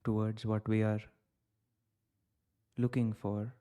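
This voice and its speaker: A man from India, guiding a reflective contemplation in slow, short phrases with long pauses. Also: on the low side, little pitch movement, mellow. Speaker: contemplation guide. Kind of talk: guided contemplation.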